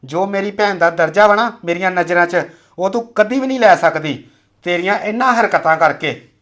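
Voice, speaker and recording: A man's voice: high-pitched, fairly quick, fairly bright tone. A man playing a stern scolding husband. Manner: scolding, accusing. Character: stern husband defending his sister. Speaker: son and husband in a family drama. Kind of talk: amateur family drama acting.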